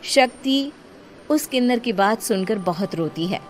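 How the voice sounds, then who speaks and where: A woman's voice: fairly high pitch, expressive, measured pace, slight background noise. A woman reading scripted story narration as the storyteller. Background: music.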